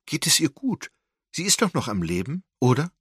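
A man's voice: low-pitched, very animated, moderate pace, gravelly, a bit bright, no echo, studio quality, full character voice. A man voicing an anxious young woman who puts on a forced cheerful tone in a storybook reading. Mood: agitated.

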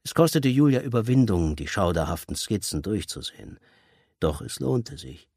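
A man reading a novel aloud as narrator, in measured, even storytelling. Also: fairly low pitch, no room sound, clean studio sound. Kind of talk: scripted audiobook narration.

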